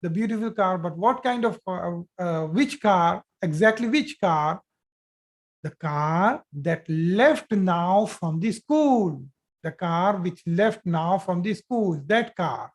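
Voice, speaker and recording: Male online language teacher, high voice, patient and repetitive, video-call sound. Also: lively intonation. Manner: patient, repeats each sentence slowly then explains. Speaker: Arabic teacher. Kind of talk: live online grammar lesson.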